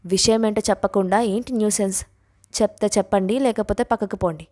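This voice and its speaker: A woman reading a story voices a fierce, short-tempered young college woman who shouts angrily. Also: mid-range voice, steady tone, fairly quick, natural voice. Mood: angry. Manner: angry shouting.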